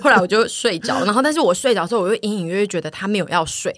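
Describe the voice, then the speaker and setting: A woman's voice: mid-range voice, expressive, rapid-fire, no echo, clean studio sound. A woman, co-hosting a podcast, animatedly retelling a quarrel and acting out both sides. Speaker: podcast co-host. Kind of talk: casual storytelling.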